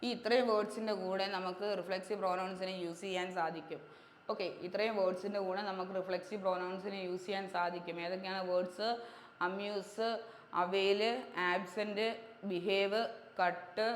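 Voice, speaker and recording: Flat-voiced woman teacher in an echoey room. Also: medium pitch. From Kerala, India. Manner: repetitive drilling, checks understanding with quick questions. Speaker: English grammar teacher. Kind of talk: exam-prep grammar lesson. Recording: echoey room with long reverb, faint hiss.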